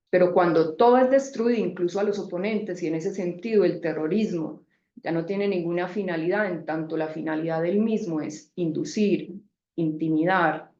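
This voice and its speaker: A woman speaker answering a question in an academic seminar, measured and explanatory. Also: lowish voice, a little mellow. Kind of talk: academic reply in a debate. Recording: echoey room, dull sound.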